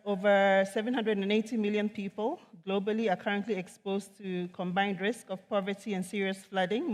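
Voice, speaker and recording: A woman from Ghana, an economist, giving a conference talk in a measured, earnest way with frequent ums. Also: mid-range voice. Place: large conference hall. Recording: long hall reverb.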